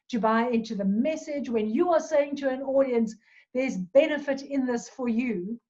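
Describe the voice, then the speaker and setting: A woman giving a talk on public speaking, with a clear, measured delivery and deliberate pauses. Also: on the high side, dark tone. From South Africa. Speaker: presentation coach. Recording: dull lo-fi recording.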